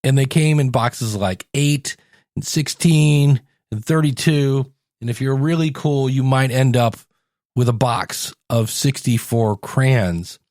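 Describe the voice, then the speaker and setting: Speaking slowly in a mid-range voice with a darkish tone, an American host from Ohio coaches his audience on a solo podcast. His teaching is direct and conversational, and the studio-quality recording has no echo.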